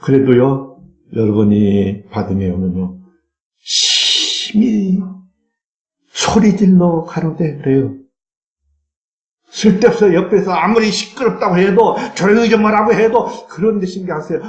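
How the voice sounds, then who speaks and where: A man preaches a Sunday sermon as pastor in a church sanctuary, reading scripture aloud and breaking into fervent cries. His voice is high-pitched with lively intonation and an unhurried pace, recorded with the echo of the sanctuary.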